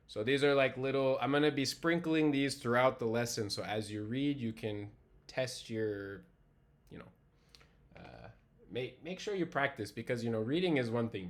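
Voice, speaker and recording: A man teaching a language class over a video call, explaining casually and repeating words slowly to show how they sound. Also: mid-range voice. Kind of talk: online class lecture.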